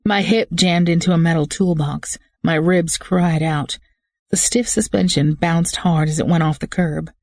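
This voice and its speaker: An audiobook narrator reading a first-person thriller with steady, tense storytelling. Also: medium pitch, measured pace, no echo, clean studio sound.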